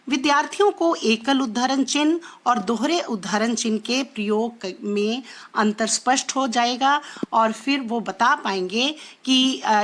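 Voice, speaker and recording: A woman teacher giving a classroom lesson, explaining slowly and deliberately and working through example sentences. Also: a little high, a bit bright.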